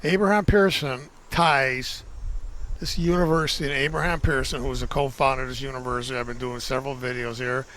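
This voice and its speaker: A man's voice: mid-range voice, fairly even intonation, fairly quick, fairly bright tone, a little hiss or hum, rough recording. A man giving a casual walking-tour vlog outdoors on a university campus, talking to viewers in a rambling, self-correcting way. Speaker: video tour guide. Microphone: handheld camera.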